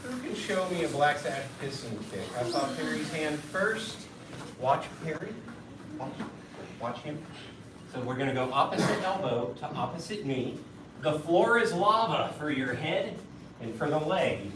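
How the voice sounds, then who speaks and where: Male martial arts instructor, lively drill-count delivery, distant mic in a reverberant hall, heavy noise. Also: fairly high pitch, measured pace. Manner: barks counts and commands, then explains calmly. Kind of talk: leading a children's fitness drill.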